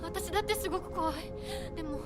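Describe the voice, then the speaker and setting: A woman's voice: very high-pitched, racing. A woman voicing a desperate, fierce teenage girl in a dramatic video game cutscene, impassioned and demanding, her voice close to breaking. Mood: fearful, pleading. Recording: game audio with loud music. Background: music.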